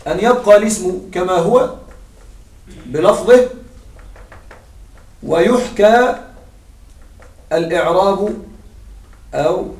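A high-pitched man teaches a grammar lesson, working through each point slowly and stopping to ask his students whether they follow. He is recorded from some distance in a roomy, echoing space. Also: darkish tone. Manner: explains step by step, often checks with students. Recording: echoey room, mic far off.

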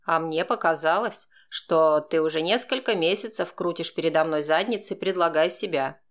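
A woman voicing a brash, mocking young male student who taunts and insinuates in a lowered voice. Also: moderate pace, close to an everyday voice.

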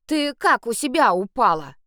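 A woman's voice: a little high, sing-song, moderate pace, bright, forceful tone, dry recording, studio quality, pitched above the performer's own voice. A woman voicing a mischievous, giggly werewolf boy in a storybook reading, teasing and eager.

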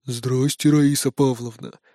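A reader voicing a timid young man turned mushroom creature, speaking low, slow and sheepish. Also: steady tone, dark tone, no room sound, clean studio sound. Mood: sheepish, mumbling.

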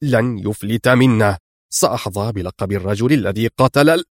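A man voicing a brash, violent male agent who talks in a low, gruff, boastful way. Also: normal speed, no room sound, clean studio sound, lightly acted.

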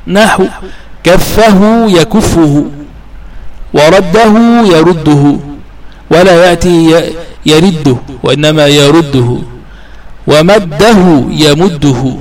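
A man teaching classical grammar in a recorded lesson, slowly repeating verb forms, drawing them out, and reciting verse lines. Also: on the high side, low-quality recording.

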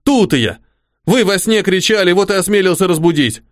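A man voicing a devoted old soldier-servant, humble and eager, his folksy words tumbling out as he fusses over his officer. The voice sits high and swings up and down. The sound is close and dry, with no room around it. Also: expressive, fairly quick, no room sound. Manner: rustic folksy speech, fussing and eager. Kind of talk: audiobook character voice.

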